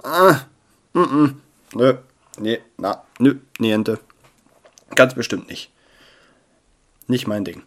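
Young male podcast host, casual and playful, jumps from loud to hushed, close sensitive mic. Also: mid-range voice, expressive, slow, long pauses. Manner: chatty and playful, swings between loud bursts and near-murmurs. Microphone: sensitive close mic that picks up paper rustle.

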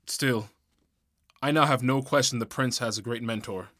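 A man's voice: mid-range voice, moderate pace, fairly bright tone, dry recording, studio quality, lightly acted. A man voicing a polite older knight who coaches sword practice in a student radio drama. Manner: polite, instructive. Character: older male knight, polite sparring mentor.

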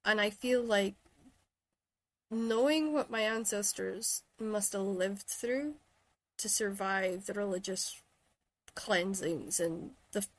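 A woman's voice: mid-range voice, slow, no room sound, rough recording. A woman from Shetland with an American-influenced accent, chatting casually and telling stories through quoted exchanges. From Shetland, Scotland. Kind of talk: casual chat.

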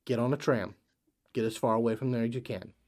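A man's voice: mid-range voice, steady tone, fast talker, a little mellow, close to an everyday voice. Man doing a stern, urgent father. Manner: curt, urgent orders. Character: stern worried middle-aged father.

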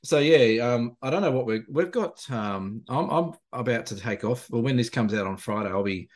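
A man's voice: medium pitch, animated, moderate pace. An Australian man chatting casually as a co-host, with a dry, laconic drawl. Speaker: co-host, landscape photographer. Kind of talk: casual chat on a video show.

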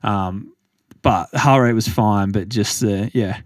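Low-voiced man, casual rambling. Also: slow pace, dry recording, studio quality. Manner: rambling storytelling with many fillers. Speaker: podcast co-host. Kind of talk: casual chat.

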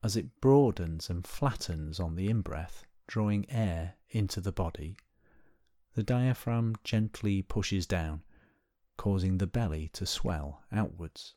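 In this guided body scan meditation, a man with a lowish voice speaks gently and slowly, letting space fall between his phrases. The sound is very dry and close-miked, with barely any room around it.

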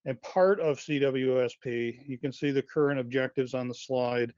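A man's voice: medium pitch, moderate pace, darkish tone, dry recording. A man losing his voice, speaking informally as a university wireless lead on a webinar, with many fillers and self-corrections. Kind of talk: conversational webinar presentation. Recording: dull, dry lo-fi web audio.

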